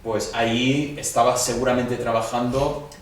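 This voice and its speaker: Teacher lecturing in an echoey room. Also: male voice, mid-range voice, steady tone, unhurried, recorded from a distance. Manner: conversational, addresses students directly, acts out quoted dialogue. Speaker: Greek teacher. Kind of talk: classroom lecture.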